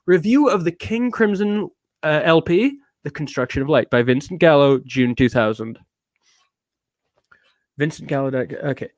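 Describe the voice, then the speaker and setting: A drunk man putting on an affected fake British accent to read aloud in a slow, grand, pompous way. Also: a little high, no room sound, lightly acted.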